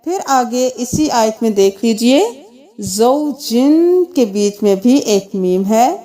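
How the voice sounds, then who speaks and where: A woman teaching Quran reading, spelling out letters and vowel marks, then reciting verses slowly and melodically. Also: a little high, animated, dark tone. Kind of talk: tajweed lesson with slow recitation.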